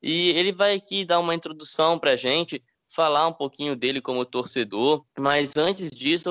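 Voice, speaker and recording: A man's voice: fairly high pitch, fairly bright tone, smooth, no echo. A man with a Brazilian Portuguese accent co-hosting a football podcast, introducing and asking questions casually. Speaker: podcast co-host.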